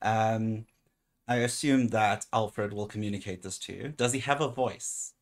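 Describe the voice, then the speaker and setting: A man's voice: on the low side, fairly even intonation, a little slow. A man narrating as game master of a tabletop game in an easygoing, descriptive way.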